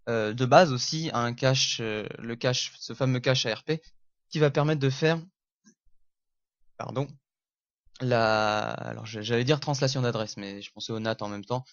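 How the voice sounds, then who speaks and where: A man giving a casual lecture on networking, halting with many fillers and self-corrections, and making jokey asides. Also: mid-range voice, fairly bright tone, no echo. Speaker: networking teacher. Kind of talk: casual spoken lecture over slides. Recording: dull lo-fi sound, dry room.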